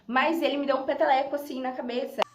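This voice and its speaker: A woman's voice: high voice, level tone, fast talker, noisy background. A young Brazilian woman with a Brazilian Portuguese accent, telling a story to her viewers in a chatty, dramatic way and laughing often. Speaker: YouTuber. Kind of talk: casual storytelling vlog. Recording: roomy echo.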